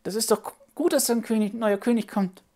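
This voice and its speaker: A woman's voice: a little fast, lightly acted. A woman voicing a curious, chatty young worm puppet who keeps asking naive questions in a children's puppet show. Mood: excited. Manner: asks endless naive questions, squeaky and excitable.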